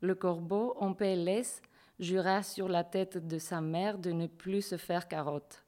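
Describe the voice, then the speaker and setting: Woman reading a slangy fable slow and careful, lowish voice. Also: fairly even intonation, warm tone. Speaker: student reader. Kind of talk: read-aloud fable in slang.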